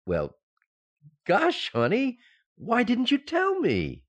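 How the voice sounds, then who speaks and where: Actor as George Cugat, boyish husband, wildly animated. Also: male voice, very high-pitched, takes it slowly, full character voice. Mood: surprised, excited. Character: eager, playful young husband and office employee. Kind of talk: old-time radio sitcom acting.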